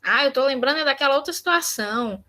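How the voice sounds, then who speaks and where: A woman with a Brazilian Portuguese accent leads an online communication workshop, speaking conversationally and acting out short sample dialogues. Her voice is high, bright, and forceful, animated and quick.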